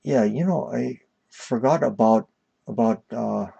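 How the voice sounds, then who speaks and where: A man speaking slowly in a gravelly, slightly husky voice. He chats casually with his stream viewers and walks them through puzzles one move at a time. The sound is dry and close, with no room around it. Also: mid-range voice, dark tone, dry recording, highs cut off. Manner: unhurried, chats with viewers while solving puzzles. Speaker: streamer teaching shogi problems. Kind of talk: casual live-stream chat.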